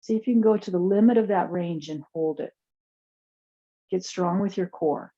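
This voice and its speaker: A woman teaching chair yoga, guiding movement and relaxation in a soft, soothing, unhurried way with pauses. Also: on the low side, dull audio. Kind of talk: guided yoga class and relaxation.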